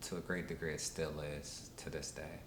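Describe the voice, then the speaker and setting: A man in his thirties from Washington, D.C., being interviewed, talking unhurriedly with many pauses and fillers. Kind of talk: casual recorded interview. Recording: roomy, with steady low rumble.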